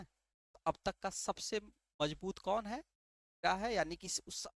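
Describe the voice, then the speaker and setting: A man's voice: on the high side, a bit bright, no echo, studio quality. Man teaching, quizzing himself as he goes. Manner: asks rhetorical questions and answers them himself; repeats key terms and checks understanding with "ठीक है". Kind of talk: classroom-style exam prep lesson.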